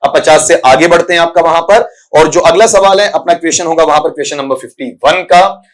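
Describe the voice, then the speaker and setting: A man's voice: on the high side, fast. A man teaching English pronunciation in an online exam-prep lesson, repeating himself often and addressing students fondly as "beta". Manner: repetitive filler-laden explaining, calls students "beta".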